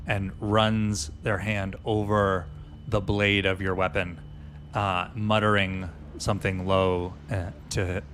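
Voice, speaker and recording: A man narrating as dungeon master in a loose, halting way with many fillers. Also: fairly low pitch, fairly bright tone, slight background noise. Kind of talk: narrating a tabletop game.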